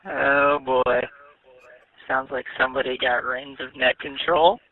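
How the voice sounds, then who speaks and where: Young male ham radio caller over a thin, narrow-band radio transmission, casual with a teasing edge, mid-pitched. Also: fairly even intonation, a little slow. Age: young adult. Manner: easygoing, teasing. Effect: heard over a radio transmission. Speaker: radio net check-in caller.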